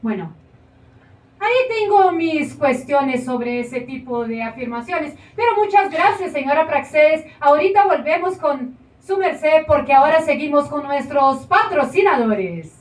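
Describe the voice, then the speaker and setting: On a small theater stage, an actress plays a radio show presenter, acting out a broadcast with a brisk announcer style and wry asides. Her female voice sits high with lively intonation. A far camera picks it up, so it sounds echoey and distant with faint noise.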